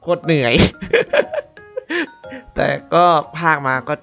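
A man's voice: on the high side, wildly swooping pitch, extremely slow, fairly bright tone, highs cut off, soft background music. A man hosting a gaming channel, chatting casually while he plays, rambling, laughing and swearing now and then. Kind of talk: casual gameplay commentary.

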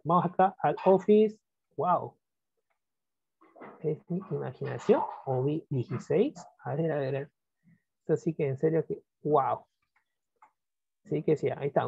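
A man's voice: on the high side, gravelly, husky, dry recording. A male computer maintenance teacher giving a chatty screen-share class, often checking that his students follow along. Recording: phone-like narrow band.

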